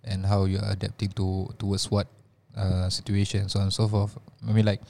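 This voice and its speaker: A man's voice: fairly low pitch, monotone, fairly quick, gravelly, darkish tone, dry recording. A man with a Singaporean accent giving informal religious advice as a teacher, phrasing hesitantly and mixing in some Malay and Arabic.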